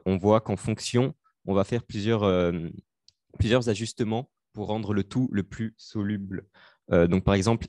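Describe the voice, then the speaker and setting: Young male student tutor, lowish voice, dry close computer mic, halting delivery full of fillers, live online revision. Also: warm tone, dry recording. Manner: hesitant, many fillers, explains step by step.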